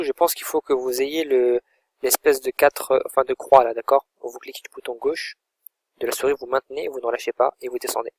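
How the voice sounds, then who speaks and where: Casual, husky-voiced man walking through software. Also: mid-range voice, no echo. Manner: informal, thinks aloud while clicking. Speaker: online course instructor. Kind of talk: screen-recorded software tutorial.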